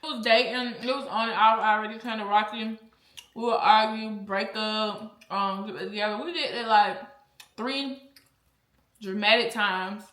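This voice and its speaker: A woman's voice: medium pitch, steady tone, normal speed, fairly bright tone, echoey room. A woman vlogger telling a storytime in a blunt, chatty way while eating, and she often drifts off topic. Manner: chatty, blunt, easily sidetracked.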